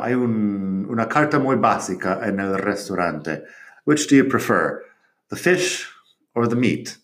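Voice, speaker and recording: A man teaching grammar in Spanish to learners, repeating each example sentence slowly and clearly. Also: on the low side. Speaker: English teacher. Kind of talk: language lesson explaining grammar.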